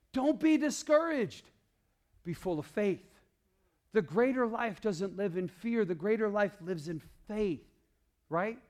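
A male pastor preaches a sermon, calling out to the congregation as he swings between loud declarations and hushed, low passages.

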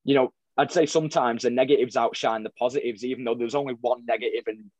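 Quick-talking young man. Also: medium pitch, fairly even intonation, darkish tone, dry recording, lo-fi sound. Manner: rambling storyteller with many restarts and fillers. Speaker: football fan vlogger, guest. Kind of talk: casual podcast chat.

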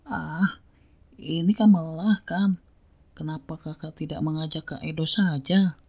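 A spoiled young boy horse from a children's story, played by a man. The voice is pushed up high. It whines and complains like a pampered youngest child. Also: fairly even intonation, measured pace, a little mellow. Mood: whining. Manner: whining, complaining.

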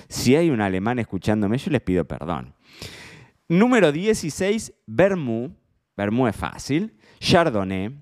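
A man with a lowish, slightly mellow voice hosts a casual solo podcast in an Argentine Spanish accent, speaking at a measured pace but with lots of animation. He's chatty and playful, jokes about his own mistakes, and throws in mock pronunciations for fun.

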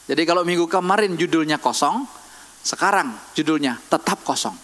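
A man preaching a sermon in a lively, conversational way, teasing the congregation with questions. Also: fairly high pitch, fairly quick. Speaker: pastor. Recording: long hall reverb.

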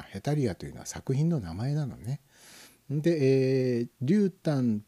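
A man hosting a live internet radio show, musing aloud in a casual, rambling way and chuckling softly as he reads out listener comments. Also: mid-range voice. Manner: rambling, musing, frequent fillers and soft chuckles.

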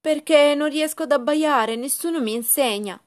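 A woman voicing a sad, earnest young male dog in a storybook reading, speaking higher than her own voice. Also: moderate pace, natural voice. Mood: plaintive.

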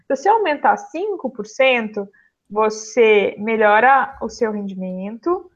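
A high-pitched woman talks through a topic in a methodical, explanatory way. She is a physiotherapist guest in a relaxed conversation. The recording sounds a little dull and lo-fi. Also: unhurried. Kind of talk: casual podcast chat, explaining.

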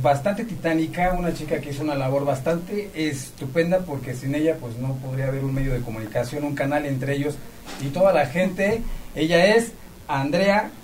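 A fairly high-voiced man presents a live event as its host, effusive and courteous. He is recorded at some distance from the microphone, with faint noise in the room. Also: darkish tone. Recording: distant mic, noisy room ambience.

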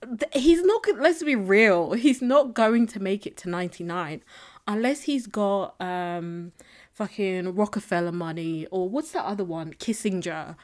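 A woman's voice: mid-range voice, a little slow. A woman hosting a solo podcast, chatting casually and candidly in a rambling, opinionated way. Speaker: podcast host. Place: indoors, a room other than the usual setup. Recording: slightly echoey, recorded in makeshift room.

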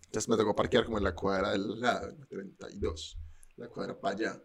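A man's voice: fairly low pitch, flat delivery, fairly quick, vocal fry, husky. A young man, co-hosting a casual chat and telling a rambling, joking anecdote full of slang.

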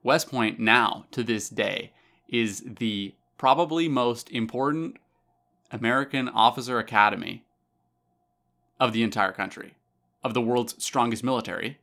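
A man's voice: mid-range voice, unhurried, vocal fry, sharp tone. A man co-hosting a podcast, explaining history casually to listeners, with emphatic asides and some restarts. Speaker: podcast co-host.

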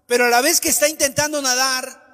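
A man's voice: very high-pitched, fairly even intonation, a little fast, pushed and bright. A man preaching a sermon with an emphatic, sing-song cadence. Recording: long hall reverb.

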